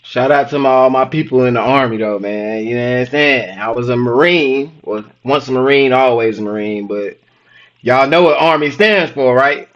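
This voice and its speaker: A man doing a casual reaction commentary, loud and joking, full of slangy banter. His voice has a mid-range pitch. The recording sounds dull and lo-fi. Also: moderate pace. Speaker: reaction streamer.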